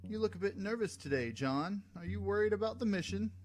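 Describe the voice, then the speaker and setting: A man doing an eager high-voiced younger guy. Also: expressive, a little fast, over music. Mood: friendly.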